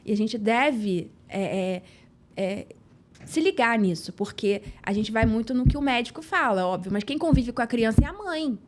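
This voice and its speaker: A woman's voice: a little high, expressive, moderate pace, slight background noise. A woman, a podcast guest telling a personal story earnestly and acting out the dialogue. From São Gonçalo, Rio de Janeiro state, Brazil. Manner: acts out dialogue, earnest and emotional.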